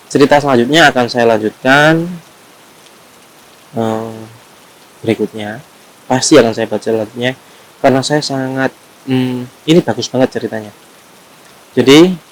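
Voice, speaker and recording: On a low-quality recording, a medium-pitched man with a Javanese accent, who hosts a channel and reads horror stories, reads one aloud without rehearsal. He slips and restarts now and then, and afterward talks casually to his audience.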